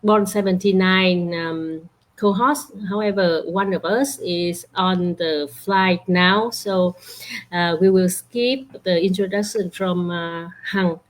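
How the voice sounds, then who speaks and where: A woman from Vietnam hosting an online talk, halting and full of fillers over a video call. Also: lowish voice. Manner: slow, halting, many fillers. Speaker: host. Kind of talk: online interview introduction.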